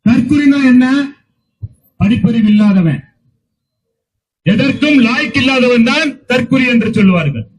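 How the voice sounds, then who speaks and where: A man's voice: extremely high pitch, lively intonation, a little slow, pauses often, low-quality recording. A man with a Tamil Nadu accent giving thunderous political oratory at a rally, declaiming and posing rhetorical questions. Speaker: political party speaker at a protest.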